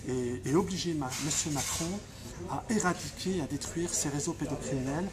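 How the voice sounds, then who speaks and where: A man's voice: a little high, normal speed, over a noisy crowd. A man from Franche-Comté answering interview questions with fiery emphasis, often restarting and repeating himself. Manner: impassioned, emphatic, with frequent restarts and repetitions. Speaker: activist being interviewed.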